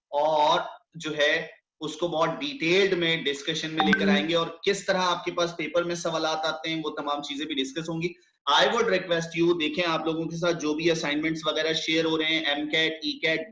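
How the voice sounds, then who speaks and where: A man gives an unhurried online grammar lecture and quizzes his students by name. His voice sits a little high for a man and comes through a roomy, dull-sounding recording. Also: fairly bright tone. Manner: slow, questioning students by name. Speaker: teacher. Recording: echoey, dull online class audio.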